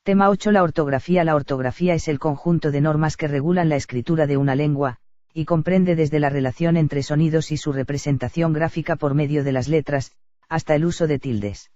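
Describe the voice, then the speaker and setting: A man reading a grammar lesson aloud in a steady, even lecture delivery. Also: fairly high pitch, brisk, no room sound. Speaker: teacher. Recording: dull lo-fi dry recording.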